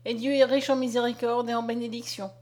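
A woman reading the part of a deeply grateful young girl, in an emotional, exclaiming voice. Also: little pitch movement, fast talker, darkish tone, lightly acted.

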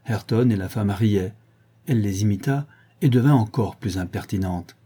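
Give me a man narrating a novel with a measured, expressive delivery. His voice is very dark and mellow, low-pitched, with a husky grain. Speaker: audiobook reader.

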